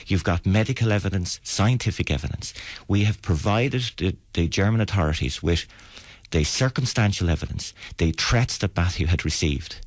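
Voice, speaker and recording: An Irish man speaks as a campaigner in a radio interview. His voice is deep and recorded dry, and he argues in a plain-spoken, insistent way. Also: animated, moderate pace, no room sound.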